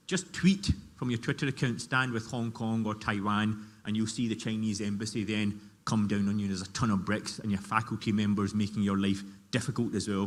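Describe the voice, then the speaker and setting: Low-voiced guy on a panel making a strong argument, long hall echo. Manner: emphatic, argumentative. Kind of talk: conference panel discussion. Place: large conference hall.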